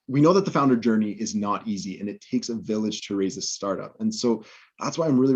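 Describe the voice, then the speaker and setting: Man, low voice, video call panel intro, upbeat, fillers, muffled lo-fi audio. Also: a little mellow, breathy edge. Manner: upbeat, with frequent fillers and restarts. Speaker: head of a startup support organization.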